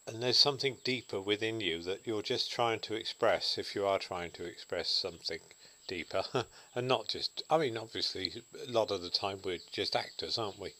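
A man's voice: lowish voice, bright, forceful tone. A man vlogging a reflective solo monologue, musing thoughtfully to the camera.

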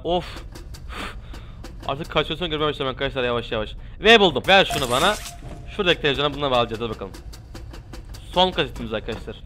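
Excitable man yelling through a game. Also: a little high. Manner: excitable, yelling while running from danger. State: sore throat from shouting. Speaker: gaming channel host. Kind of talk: let's play commentary. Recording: game music playing loud behind.

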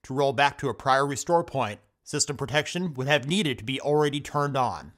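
A man's voice: medium pitch, normal speed. Man narrating a step-by-step tech tutorial. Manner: steady step-by-step instructing. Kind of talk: scripted screen-recording voice-over.

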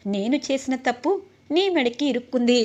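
A scheming middle-aged woman from a TV serial, spiteful and calculating, read out by a woman in her own slightly high voice. She speaks in a plain storyteller's tone. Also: lively intonation, moderate pace, darkish tone.

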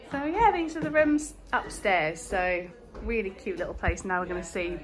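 A woman's voice: medium pitch, expressive, unhurried, slight background noise. A woman in her forties, from England, chatting in a casual vlog and gushing over what she shows, filmed on a phone at arm's length. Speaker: vlogger. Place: indoors at home, in a car, walking through a rental house. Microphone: phone camera held at arm's length.

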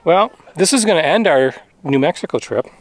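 A man's voice: fairly high pitch, lively intonation, moderate pace, dry recording. A middle-aged man chatting casually as a travel vlogger, speaking plainly and easily outdoors into a handheld camera. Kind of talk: casual chat. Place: outdoors on a sunny open sand flat. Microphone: selfie camera at arm's length.

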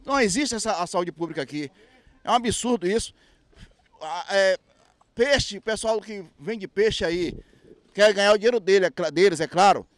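A man's voice: high-pitched, normal speed, dry recording. A man, speaking indignantly into a reporter's handheld mic outdoors, with hesitant restarts. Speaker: interviewed local resident. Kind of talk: street interview complaint. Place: outdoors at a street market.

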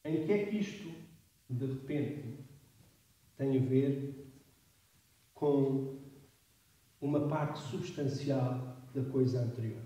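Emphatic slow-talking Portuguese lecturer. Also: male voice, mid-range voice, warm tone. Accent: European Portuguese. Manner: emphatic, rhetorical tag questions. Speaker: guest lecturer. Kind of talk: academic lecture. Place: lecture hall. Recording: echoey hall, distant mic.

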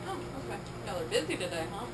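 A woman's voice: mid-range voice, sing-song, fast talker, reverberant, recorded from a distance. A woman working at a clinic, chatting casually in a small procedure room. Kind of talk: casual chat. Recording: very noisy room on camera mic.

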